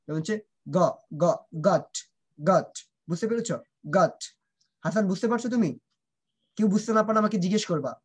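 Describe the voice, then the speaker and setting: Quick-talking man teaching a kids' class. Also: high-pitched, husky. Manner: drills sounds, checks often if students understand; mixes Bengali and English. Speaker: English teacher. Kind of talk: online class for children.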